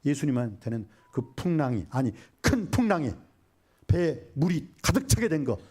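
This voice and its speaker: Husky, animated man preaching a sermon. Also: fairly high pitch, moderate pace. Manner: animated, acts out Bible scenes with sudden loud and hushed lines; asks the congregation questions and has them repeat after him. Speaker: senior pastor.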